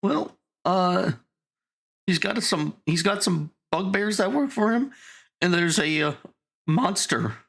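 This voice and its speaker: A man's voice: high-pitched, expressive, slow pace, gravelly, a bit bright, exaggerated voice. A man voicing a captured, frightened thug who stammers and hesitates nervously.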